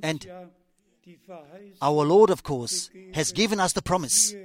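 An older man preaching a sermon in a slow, emphatic way, repeating his phrases and restarting as he goes. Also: on the high side, lively intonation.

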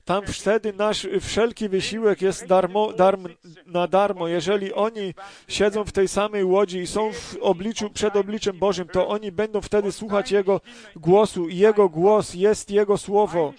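A man preaching a sermon, reading scripture aloud and explaining it with many pauses, fillers and restarts, sometimes asking the congregation whether they agree. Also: high-pitched, fairly even intonation, darkish tone. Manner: asks the congregation questions.

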